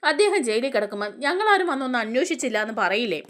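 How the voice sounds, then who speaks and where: A woman's voice: high-pitched, sing-song, racing, a bit bright. A woman reading a firm, questioning mother.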